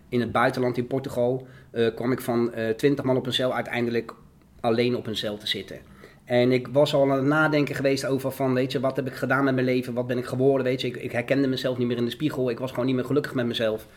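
A Dutch man tells his story at a rapid clip, earnest and fervent, often repeating himself as he builds. His voice sits at an ordinary middle pitch and pushes forward with conviction. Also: little pitch movement. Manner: earnest, fervent, fast and repetitive. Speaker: guest. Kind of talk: emotional testimony in an interview.

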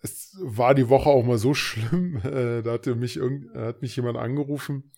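A man with a Berlin accent in casual podcast chat, stopping often with hesitant filler pauses. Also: mid-range voice, gravelly, dark tone. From Berlin, Germany. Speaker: podcast co-host. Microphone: new microphone over a video call.

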